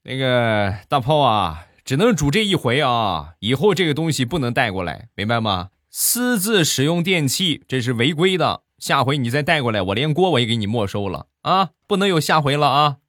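A man's voice: mid-range voice, big pitch swings, normal speed, hardly any pauses, a bit bright, no room sound, clean studio sound, pitched above the performer's own voice. A man voicing a full, pompous middle-aged office manager who lectures officiously in a comedy monologue. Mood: lecturing.

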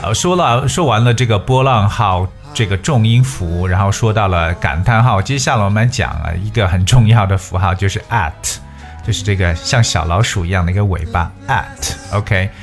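A man's voice: fairly low pitch, normal speed, faint music behind. A man hosting an English lesson for Chinese listeners, mixing English and Chinese and spelling words out letter by letter. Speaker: host.

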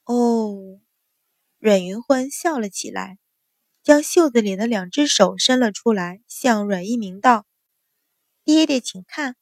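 A woman narrating a storybook in a steady, expressive way. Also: mid-range voice, moderate pace, no echo, studio quality. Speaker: audiobook narrator. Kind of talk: scripted narration.

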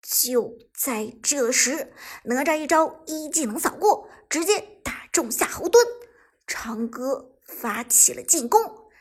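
A woman reading an esports novel aloud, with lively storytelling that jumps into sudden excitement. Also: high voice, slow pace. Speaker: audiobook narrator. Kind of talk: scripted narration of an esports novel.

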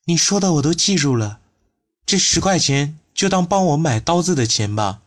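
A man voicing a quiet, clever young woman who helps at a snack shop, speaking in a careful, hushed way in an audiobook. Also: fairly high pitch, lively intonation, moderate pace, voice pushed up. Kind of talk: audiobook character voice.

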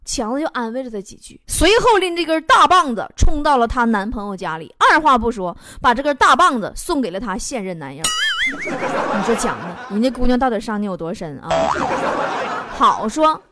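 A woman's voice: high voice, bright, forceful tone, no echo, studio quality. A young woman host with a Northeastern Chinese accent, reading funny listener stories aloud in a chatty, playful way and laughing between them.

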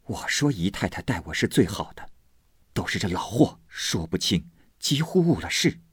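A man's voice: on the low side, very animated, moderate pace, slightly rough, no echo, clean studio sound, heavily acted. A man reading aloud voices a distressed aging mother who talks in an agitated, anxious way. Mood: weary.

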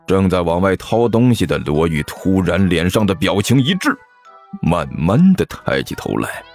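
A man narrating an audiobook story in a lively, expressive way. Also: sits low, normal speed, faint music behind.

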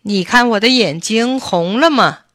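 A woman voicing a big, confident storybook tiger who gives firm, loud commands. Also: on the high side, lively intonation, measured pace, no room sound, clean studio sound. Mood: proud.

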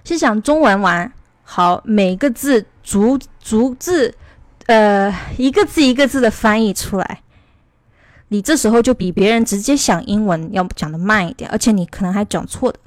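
A woman's voice: mid-range voice, moderate pace, no room sound, studio quality. A woman from China teaching English in a casual online lesson, rambling and explaining at length.

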